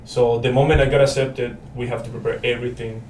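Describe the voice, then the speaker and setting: A man's voice: medium pitch, flat delivery, fast, a little mellow, distant mic. A young man from Paraguay, a native Spanish speaker, talks as a student guest in a loose, friendly way, full of fillers and restarts. He sits back from the microphone in a roomy space with faint noise behind. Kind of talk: casual interview chat.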